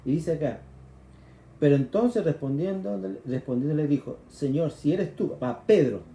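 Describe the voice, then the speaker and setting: A man's voice: a little high, expressive, moderate pace, mellow, roomy sound. A man with a Chilean accent preaching a sermon, explaining scripture conversationally and acting out the cries of frightened people. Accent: Chilean Spanish.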